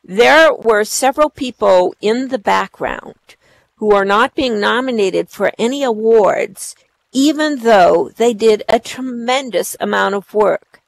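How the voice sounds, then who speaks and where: A woman's voice: a little high, a little slow, creaky, rough recording. A woman presenting awards live at an online event as the host, effusive in her praise.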